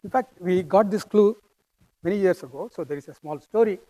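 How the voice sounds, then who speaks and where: In a rough recording, a middle-aged man lectures on physics in a high voice with a dark tone and a strong Indian accent. This academic lecture is halting and thoughtful. He uses fillers and restarts as he reasons through his ideas.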